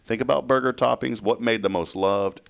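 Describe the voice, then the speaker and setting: A man's voice: mid-range voice, steady tone, normal speed, vocal fry. A man hosting a casual morning talk show from a small studio, joking as he reads news items and quizzes his co-hosts. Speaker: host. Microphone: headset.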